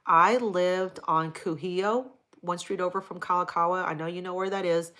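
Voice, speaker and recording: A woman's voice: fairly low pitch, fairly even intonation, moderate pace, bright, forceful tone. Blunt, crude woman chatting on a livestream. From Hawaii. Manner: blunt and crude, reads out viewer comments. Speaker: livestream host answering chat. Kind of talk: casual live-stream chat.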